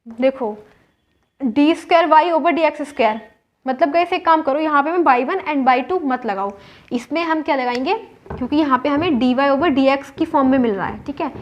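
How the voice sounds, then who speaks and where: High-voiced woman teaching maths. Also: brisk. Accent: Indian. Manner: explains step by step, asks and answers her own questions. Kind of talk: whiteboard maths lesson. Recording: dull lo-fi recording.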